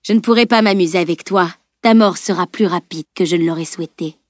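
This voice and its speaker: A woman's voice: fairly low pitch, brisk, no room sound, clean studio sound, lightly acted. Woman reading a cold, gloating mercenary. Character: cruel gloating male mercenary, calm and menacing.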